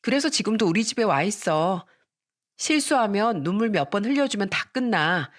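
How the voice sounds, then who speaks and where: A woman's voice: medium pitch, animated, moderate pace, lightly acted. A woman voicing a scheming young daughter-in-law who mocks her mother-in-law and then begs for forgiveness. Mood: smug. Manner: smug on the phone, tearful pleading to her mother-in-law.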